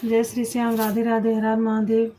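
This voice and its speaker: A woman's voice: a little high, completely flat delivery, normal speed, warm tone, slight background noise. A woman hosting a casual live stream on her phone, greeting viewers by name and repeating devotional greetings.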